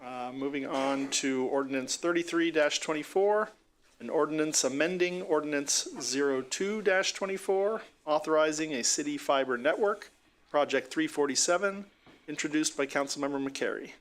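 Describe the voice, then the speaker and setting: A man with a somewhat high voice runs a council meeting from the chair. He calls agenda items in a courteous, procedural way and speaks into a desk microphone in the council chamber. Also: moderate pace. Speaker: council president.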